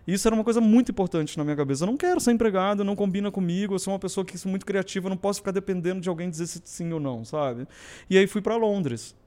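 A middle-aged man from southern Brazil tells his story in a casual interview. His voice sits high for a man, and he talks fast and with animation. He acts out the dialogue he quotes. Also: dark tone. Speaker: guest photographer.

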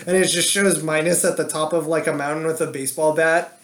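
Rambling young-sounding man, slightly high voice. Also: steady tone, brisk, fairly bright tone. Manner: rambling, filler-heavy storytelling. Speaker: podcast co-host. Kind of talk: casual chat.

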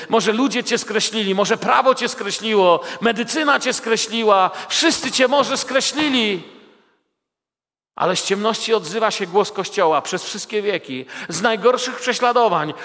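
A man's voice: high voice, sharp tone, in a large hall. A man preaching a sermon, telling a story vividly and speaking straight to his listeners.

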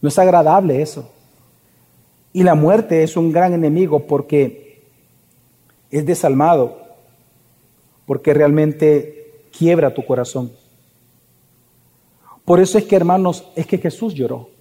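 A man preaches a sermon, pressing his listeners with question after question. His voice sits high yet sounds mellow and husky, trailing a long reverb as if filling a large church hall. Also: measured pace, pauses often. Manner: preaching with rhetorical questions to the congregation. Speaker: pastor.

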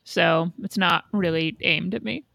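A woman's voice: fairly low pitch, measured pace, vocal fry, fairly bright tone, no echo. Blunt woman, dry close sound. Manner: blunt, opinionated, swears casually. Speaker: podcast co-host. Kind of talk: casual fan chat.

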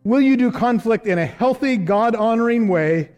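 An older man preaching a relaxed, chatty sermon as pastor, a little out of breath, self-deprecating and quick to laugh. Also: extremely high pitch, highs cut off, faint music behind. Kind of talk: casual sermon. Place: church sanctuary.

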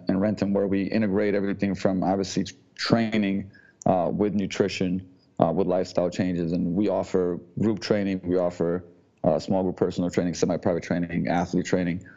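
A man from Slovenia, a gym owner speaking as a podcast guest in a halting way, often repeating words before going on. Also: low voice, creaky, warm tone. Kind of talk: casual interview talk. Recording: dull lo-fi audio.

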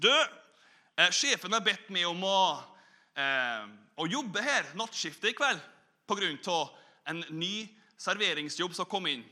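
A preacher doing a sly, pushy old kitchen hand. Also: male voice, sits high, big pitch swings, bright, forceful tone, full character voice. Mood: demanding. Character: sly old male kitchen worker, blackmailing.

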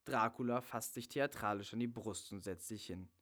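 A man reading a screenplay's stage directions aloud in a calm, low voice. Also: moderate pace. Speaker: narrator.

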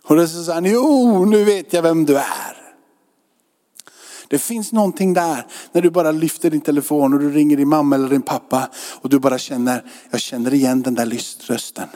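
A man's voice: a little high, dark tone, big-room sound. A man preaching a sermon in a conversational way, often asking his listeners whether they follow him. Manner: conversational preaching with rhetorical questions. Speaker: pastor. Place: church.

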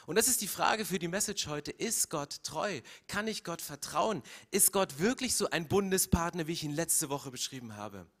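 Male pastor with a high voice, passionate sermon delivery, stumbling and repeating words as he builds. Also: lively intonation, moderate pace, hardly any pauses, a bit bright. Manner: impassioned, acts out quoted prayers with rising emotion; repeats words when searching, direct address to listeners.

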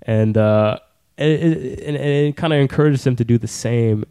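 Mellow-voiced young man, rambling film chat. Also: mid-range voice, normal speed, clean tone, no room sound, clean studio sound. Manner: rambling, laid-back, swears casually. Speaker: podcast host. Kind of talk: casual film review chat.

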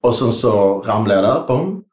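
A man's voice: fairly low pitch, expressive, a little mellow, echoey room. A man telling a long story in casual interview chat, rambling and swearing freely. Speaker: guest.

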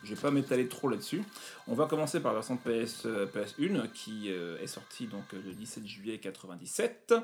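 A man presenting retro video games in a casual chat, pausing often with fillers. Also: on the low side, animated, soft background music. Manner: hesitant, many fillers. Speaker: game presenter.

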